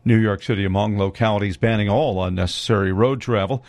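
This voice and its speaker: Man, news anchor, scripted reading, steady, low voice, dry studio. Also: no room sound. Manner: measured, steady.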